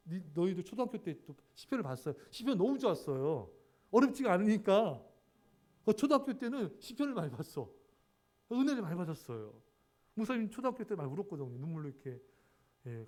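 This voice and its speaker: This is a man's high-pitched voice with a darkish tone, preaching as pastor in a church sanctuary. His sermon is earnest and repetitive, returning to key words and often calling out to the congregation.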